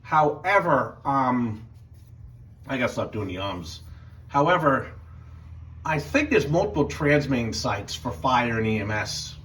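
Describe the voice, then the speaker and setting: An emergency medical worker who's also a radio hobbyist talks through his equipment at home, rambling and hesitating as he thinks out loud. His mid-range voice swings widely in pitch, slightly bright and unhurried. The low-quality home recording carries faint background noise.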